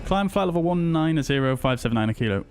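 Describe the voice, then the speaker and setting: A man flying as a pilot, making crisp cockpit callouts and radio readbacks on a headset. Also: a little high, animated, fast, a little hiss or hum. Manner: crisp, clipped checklist callouts. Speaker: flight sim streamer flying as pilot.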